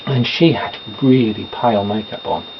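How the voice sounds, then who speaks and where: This man rambles casually while putting on makeup at home, making self-deprecating remarks along the way. He speaks at a normal speed in a fairly low voice, captured on a dull, noisy lo-fi home recording.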